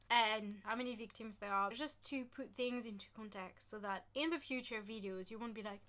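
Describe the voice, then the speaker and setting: Animated French-accented woman vlogger. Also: on the high side. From France. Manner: animated and self-mocking, dropping into whispered asides. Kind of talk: casual chatty vlog.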